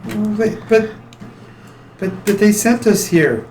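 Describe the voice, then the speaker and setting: A man's voice: slow, darkish tone, recorded from a distance. A man voicing a timid young girl with a tiny, hesitant, questioning voice. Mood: unsure. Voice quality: tiny, high, small voice. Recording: background noise.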